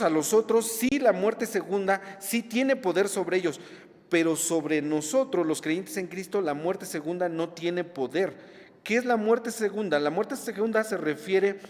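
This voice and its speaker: A man's voice: high-pitched, in a large hall. A man preaching a sermon, emphatic, repeating key words and checking in with the congregation. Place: church.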